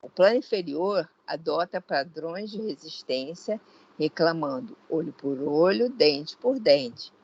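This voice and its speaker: A woman with a Brazilian Portuguese accent reads a spiritual text aloud to her study group, unhurried and deliberate. Her voice sits at a middle pitch and comes through dull, lo-fi call audio. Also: expressive, a little mellow, slightly rough. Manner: measured, deliberate reading. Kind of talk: slow formal reading aloud.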